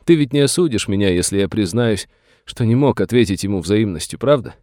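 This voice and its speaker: The performer, a man, raises his lowish voice above its natural pitch to play a frightened aging rancher, though it stays close to his everyday voice. He pleads fairly quickly, with lively intonation and a slightly mellow tone, sounding fearful, plaintive, tearful and whining. The studio-quality recording has no echo.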